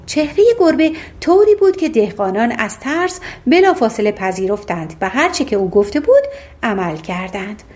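A woman's voice: fairly high pitch, sing-song, darkish tone. A woman narrating a fairy tale audiobook, reading expressively and voicing the characters herself.

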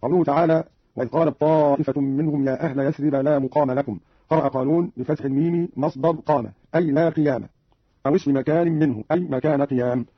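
A man's voice: a little high, fast, breathy edge, no echo, muffled recording. A man giving a formal, precise scripted explanation of scripture readings, from an archival radio recording. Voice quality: precise, even, formal delivery.

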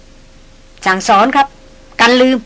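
Brief: woman reading a calm, stern male hunter guide, measured delivery.

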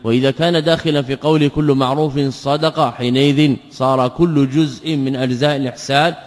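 A male scholar teaching a classical text. He asks himself rhetorical questions, answers them, and slowly repeats words and patterns for emphasis. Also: medium pitch, fairly even intonation. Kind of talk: lecture explaining a classical text. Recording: long hall reverb.

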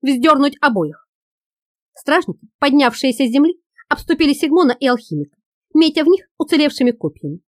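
A woman narrating an audiobook in a lively, expressive reading. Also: high-pitched, fast talker, no room sound, studio quality.

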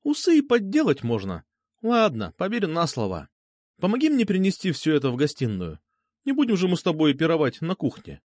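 A man's voice: on the high side, brisk, dry recording, voice pushed up. Man voicing a playful teasing young woman. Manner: teasing, lively. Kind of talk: audiobook character voice.

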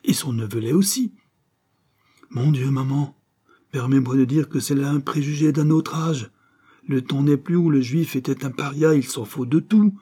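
A man's voice: medium pitch, moderate pace, mellow, breathy edge, pitched above the performer's own voice, natural voice. A man reading aloud, voicing a middle-aged industrialist and deputy who reasons patiently and teases lightly. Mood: reasoning.

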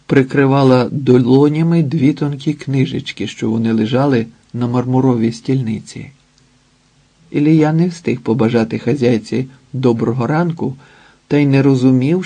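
A man narrating an audiobook in a calm, even storytelling manner. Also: mid-range voice, breathy edge. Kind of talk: scripted narration.

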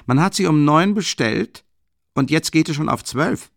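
A man playing a hot-tempered shouting lieutenant. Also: low-pitched, very animated, moderate pace, dry recording, clean studio sound. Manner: loud, barking commands.

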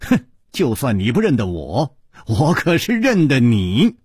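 A man's voice: medium pitch, wildly swooping pitch, a little slow, darkish tone, breathy edge, dry recording, clean studio sound, heavily acted. A man doing a suave, smiling hero swordsman. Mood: easygoing. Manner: smiling, easygoing.

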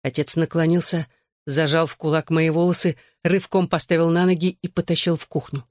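A man's voice: on the high side, little pitch movement, fairly quick, dry recording, clean studio sound. A man reading a novel aloud in the first person, narrating steadily. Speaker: audiobook reader.

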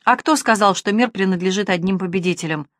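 A proud young woman with a cutting, challenging tongue, as a woman narrator plays her. The voice sits at an ordinary middle pitch and sounds close and dry, with no room around it. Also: quick pace, no echo, natural voice. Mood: gentle.

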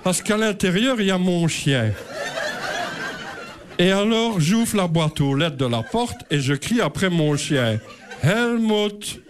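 On stage, a middle-aged male comedian tells a rambling, self-mocking comic story to audience laughter at a live show. His high-pitched voice is animated, yet his pace stays measured.

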